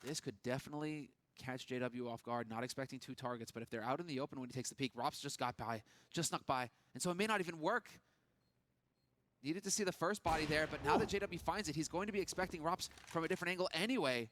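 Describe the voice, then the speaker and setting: A man's voice: fairly high pitch, fast, fairly bright tone, a little hiss or hum. A man working as an esports caster, giving urgent, running play-by-play commentary on a live match. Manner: running, urgent narration of the action.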